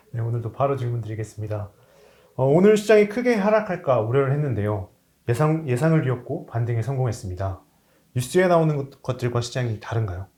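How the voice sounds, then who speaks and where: A man's voice: medium pitch, big pitch swings, fairly quick, a little mellow. A man hosting a finance show introduces the segment and puts short, direct questions to his guest. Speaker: host.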